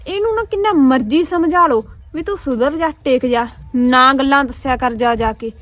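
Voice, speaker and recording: A woman's voice: sits high, moderate pace, fairly bright tone, no echo. A woman with a Punjabi accent in a village drama, talking with a mocking sneer.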